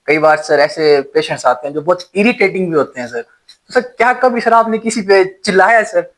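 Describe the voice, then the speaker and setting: A man's voice: sits high, animated, normal speed. A male interviewer putting questions to a guest politely, calling him sir again and again. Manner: polite, says sir often.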